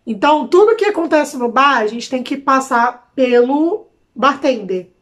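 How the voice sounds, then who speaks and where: A young woman from Brazil, speaking with a Brazilian Portuguese accent, vlogging in a chatty, expressive way with slangy asides. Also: high voice, measured pace. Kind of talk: casual chat to camera.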